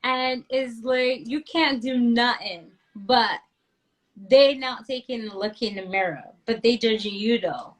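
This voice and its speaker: A woman from Barbados speaks in a slightly high voice during a relaxed conversation. She is earnest and quick to agree, and she laughs often between her thoughts. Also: poor audio. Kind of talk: casual podcast chat.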